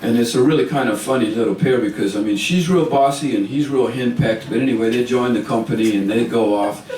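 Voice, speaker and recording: A man's voice: medium pitch, a little fast, a little mellow. Man, live storyteller, rambling asides, distant mic, roomy echo. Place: music store.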